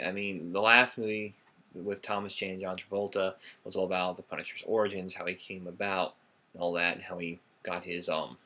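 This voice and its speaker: A man's voice: on the low side, pushed and bright. A man giving an informal spoken movie review, rambling with lots of "okay?" and "um", and flaring into heated rants.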